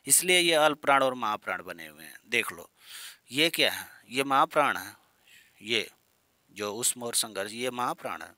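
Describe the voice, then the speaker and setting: A man's voice: mid-range voice, animated, moderate pace, bright, forceful tone, dry recording. A man teaching Hindi grammar in an online exam-prep lesson. He asks his students questions and repeats the key terms, with playful jokes and mild scolding.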